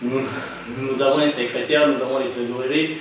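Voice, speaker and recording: A young man with a Congolese French accent answers questions in a halting way, restarting often and slipping into Lingala. He sits some distance from the mic in a very echoey room, with faint noise behind. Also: mid-range voice, little pitch movement. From Kinshasa, Congo. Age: young adult. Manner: hesitant, many restarts and fillers, mixes in Lingala. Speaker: guest, association president. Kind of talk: interview answers.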